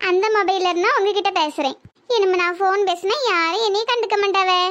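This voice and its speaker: A woman's voice: very high voice, fairly even intonation, a little fast, a bit bright, lo-fi sound. A woman voicing a chatty young village woman in love, with a Tirunelveli Tamil accent, for a cartoon comedy. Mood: teasing. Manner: teasing, chatty.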